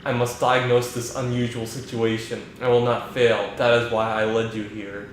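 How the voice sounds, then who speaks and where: A man doing a flat monotone lab computer. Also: mid-range voice, moderate pace, very echoey, noisy background, natural voice. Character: monotone male lab computer, stiff and smitten. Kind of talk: reading game dialogue aloud.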